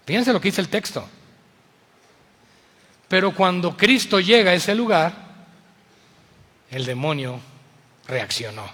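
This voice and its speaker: A male pastor with a Mexican accent preaches an impassioned sermon, moving between loud appeals and hushed words. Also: sits high, big-room sound.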